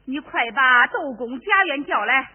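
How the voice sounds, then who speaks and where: A woman's voice: sits high, animated, measured pace, slightly rough, exaggerated voice. A woman in a Henan opera playing a scheming, greedy sister-in-law who speaks in a piercing stage voice with mock wailing. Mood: bossy. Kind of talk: Henan opera spoken dialogue. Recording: tinny phone-like recording.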